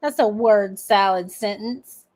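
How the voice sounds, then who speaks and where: Slow-talking, profane woman commentator. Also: medium pitch, a little mellow. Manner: profane and sarcastic. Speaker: online commentator. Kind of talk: casual reaction commentary.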